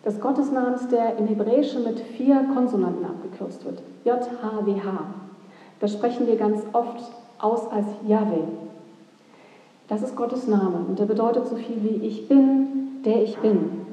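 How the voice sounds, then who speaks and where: Mellow-voiced woman preaching in an echoey church. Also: medium pitch, moderate pace. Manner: reflective, thinking aloud with questions. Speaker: pastor. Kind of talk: sermon. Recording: long hall reverb, echoey church.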